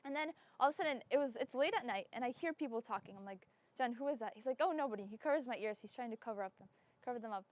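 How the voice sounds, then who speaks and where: A woman's voice: fairly high pitch, racing, no echo. Chatty young woman telling a story. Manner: chatty, laughs often, many fillers and restarts. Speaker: bride telling her proposal story. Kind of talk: casual storytelling.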